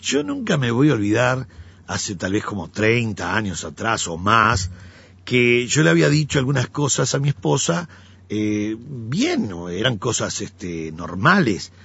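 A gravelly, slightly raspy man speaks as a pastor in relaxed conversation. His pitch rises and falls in a lively way as he acts out the people in his stories. The recording sounds dull and lo-fi. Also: a little slow. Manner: animated storyteller, acts out quoted voices. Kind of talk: conversational teaching.

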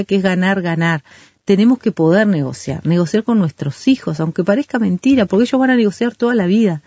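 Woman explaining parenting calmly. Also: medium pitch, dry recording. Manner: measured, explains with everyday examples. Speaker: parenting expert guest. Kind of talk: calm explanatory talk. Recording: dull lo-fi dry sound.

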